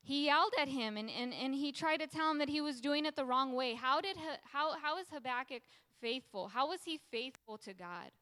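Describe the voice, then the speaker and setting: A woman delivers an emphatic sermon as a preacher, circling back to repeat her key phrases. Her voice sits a bit high with a crisp, bright edge. It rings out in a large room with a long, trailing reverb. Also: normal speed, few pauses.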